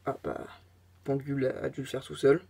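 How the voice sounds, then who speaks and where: A man narrates a casual step-by-step tech tutorial. His voice is mellow and relaxed in tone, and he talks in a halting way, full of filler sounds and offhand asides. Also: medium pitch, husky. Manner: hesitant, many filler sounds, chatty asides.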